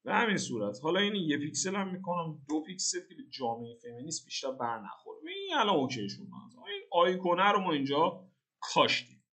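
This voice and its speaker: A man's voice: on the high side, a bit bright. A young man from Iran giving a casual, joking coding tutorial over a screen recording and thinking aloud in slang. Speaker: programming tutor.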